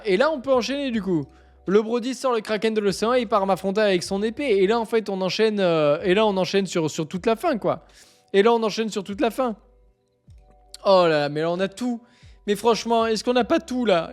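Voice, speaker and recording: Man streaming, giggly and excitable. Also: high voice, brisk, soft background music. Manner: excitable, keeps breaking into laughter; stammers and repeats himself. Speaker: live streamer. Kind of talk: casual live-stream chat.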